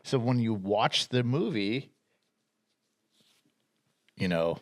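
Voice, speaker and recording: A man's voice: mid-range voice, lively intonation, slow pace. A man co-hosting a podcast, chatting casually about upcoming movies, rambling with restarts and frequent laughs. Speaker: podcast co-host.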